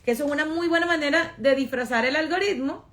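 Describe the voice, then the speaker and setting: Over crowd noise, a high-voiced woman with a Venezuelan accent talks fast in a casual get-ready-with-me vlog for her followers. The influencer is emphatic and repeats phrases for effect.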